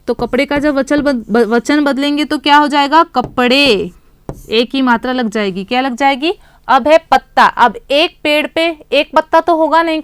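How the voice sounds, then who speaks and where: A woman with a high voice teaches young children, recorded close up in a dry space. She poses simple questions and answers them herself. She stretches words out slowly so the class can follow. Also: fairly bright tone, dry recording.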